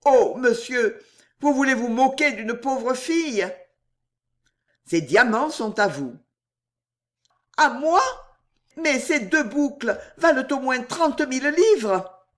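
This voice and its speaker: A woman voicing an emotional young courtesan in an audiobook, heartfelt and impulsive, with her voice lifted higher. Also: animated, slow pace, pauses often. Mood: earnest. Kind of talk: audiobook character reading.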